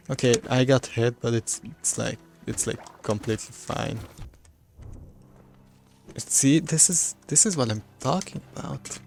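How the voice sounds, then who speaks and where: Male gamer, slow talker with a fry-edged voice, loose self-correcting chatter into a desk mic. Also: medium pitch, a little mellow. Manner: rambling, self-correcting, stumbles over words. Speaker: gamer playing on a recording. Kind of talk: casual gameplay commentary. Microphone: desktop microphone.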